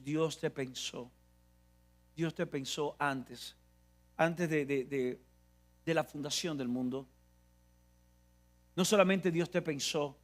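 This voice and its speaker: A man with a Dominican Spanish accent preaching a sermon, emphatic and repetitive, often restarting his phrases. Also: fairly high pitch.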